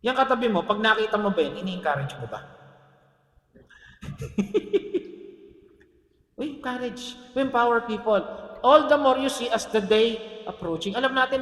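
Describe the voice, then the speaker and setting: A man preaching a lively, joking sermon as a pastor, often laughing and asking "Amen?". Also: extremely high pitch. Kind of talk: Taglish sermon. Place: church hall. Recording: echoey hall with long reverb.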